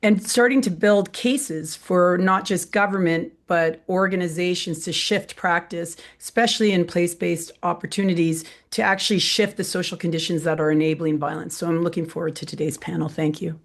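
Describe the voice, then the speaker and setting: A woman researcher introducing herself on a panel in a measured, composed way. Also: on the low side, steady tone.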